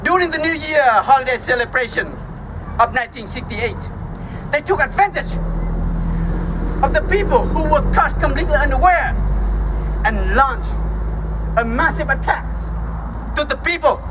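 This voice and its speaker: Slow, halting and full of emphatic pauses, this formal speech comes from a man in his fifties from Vietnam, speaking with a Vietnamese accent as guest speaker at an outdoor ceremony. His voice is very high and expressive, with background noise behind it.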